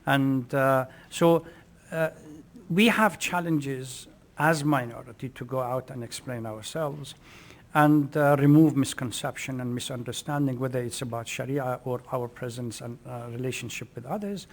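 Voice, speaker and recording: A man from Iraq, an imam, answering radio interview questions in a measured, hesitant way with many pauses and fillers, at a table mic. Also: medium pitch, fairly even intonation. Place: mosque event room, live broadcast table. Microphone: table mic with headphones.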